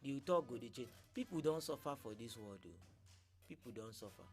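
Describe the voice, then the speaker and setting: A man with a Nigerian accent speaking Nigerian Pidgin, hosting a casual radio chat and telling stories in an animated way, acting out what people said. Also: medium pitch, fairly quick, faint music behind. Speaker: radio show host.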